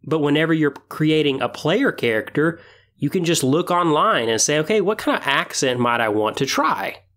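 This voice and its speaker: Encouraging and semi-scripted, a male podcast host speaks directly to his audience about tabletop roleplaying. His voice is on the high side and a bit bright.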